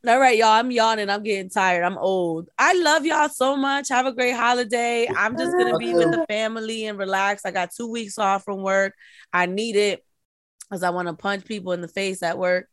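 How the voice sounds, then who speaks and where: A woman's voice: medium pitch, normal speed, a bit bright. A woman hosting a podcast in casual group chat, joking and laughing often. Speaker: podcast host.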